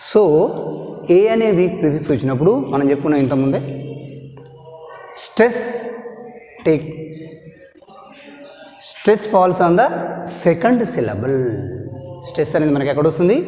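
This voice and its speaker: A male teacher giving a grammar lesson, speaking slowly and repeating words to model how they are pronounced. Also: on the high side, sing-song, warm tone, soft background music. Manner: slow, deliberate, repeats words to model pronunciation. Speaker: English teacher. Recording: echoey room with long reverb.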